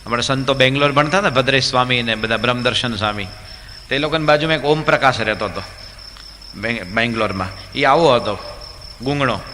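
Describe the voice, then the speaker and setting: A man's voice: mid-range voice, fast, sharp tone. A man, a swami, telling funny stories in a religious discourse, chatty and asking the audience questions. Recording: echoey hall, faint background hum.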